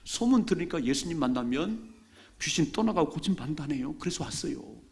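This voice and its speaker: A man's voice: a little high, animated, brisk, creaky. A male pastor preaching a revival sermon, urging the congregation on and acting out the voices of people in the story. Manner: exhorting the congregation, calls for amens.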